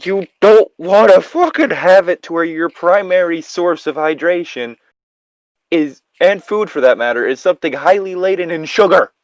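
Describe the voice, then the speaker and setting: Reading an internet story aloud, a high-pitched host at a moderate pace keeps breaking off into animated, sweary, exasperated asides. The lo-fi recording has no room sound.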